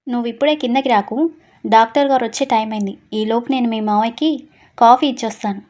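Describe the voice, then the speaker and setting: A woman's voice: fairly high pitch, fairly even intonation, quick pace, a little mellow, natural voice. A woman doing a kind motherly mother-in-law. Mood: caring. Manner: soothing, motherly. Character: kind older mother-in-law, gentle and caring.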